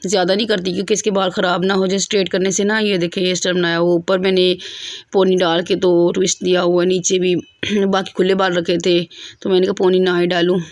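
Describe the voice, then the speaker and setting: Hoarse young mom chatting to her phone at home, dry close sound, talks fondly about the kids. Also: on the low side, little pitch movement, fairly quick, dry recording. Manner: chatty, affectionate, talks to camera. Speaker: mother vlogger. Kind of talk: casual home vlog narration. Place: family home indoors.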